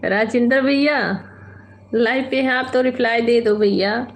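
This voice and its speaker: A woman hosting a casual late-night live stream from home, chatting unhurriedly with viewers, reading out their comments and gently scolding them. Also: on the high side, slow pace, slight background noise.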